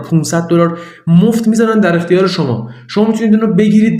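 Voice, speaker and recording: A man's voice: on the high side, a little mellow, reverberant. A man walking viewers through a website signup in a chatty, repetitive tutorial. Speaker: online money-making tutor. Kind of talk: casual screen-recorded tutorial.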